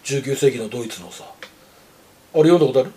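An older man chatting casually on a radio talk show about horse racing, gruff and teasing, lecturing his co-host with animated tangents. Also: mid-range voice, brisk.

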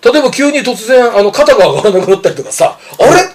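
This man in his fifties talks racing tips in a loose, joking, coarse-mouthed way. His voice sits high for a man and swings all over, and he rattles along quickly. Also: expressive. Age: 50s. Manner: rambling, joking, coarse banter. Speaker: horse racing pundit. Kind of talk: casual podcast chat.

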